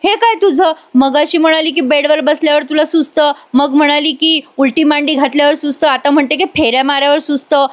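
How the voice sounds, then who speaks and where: A woman voicing an irritable young man, a strict company boss, who scolds and argues in a high voice. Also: fairly even intonation, brisk, few pauses, natural voice. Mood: angry scolding. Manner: scolding, argumentative.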